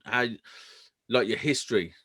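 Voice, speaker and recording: Male podcast host, mid-pitched voice, informal chatty interviewer. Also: measured pace, fairly bright tone, husky.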